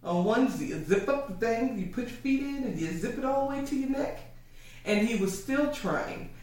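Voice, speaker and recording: A playful woman on a couple's podcast, teasing her partner and laughing easily. Her voice sits high and comes from a bit away from the mic, in a very echoey room. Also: expressive, moderate pace, darkish tone, recorded from a distance. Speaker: podcast co-host. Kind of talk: casual couple's chat.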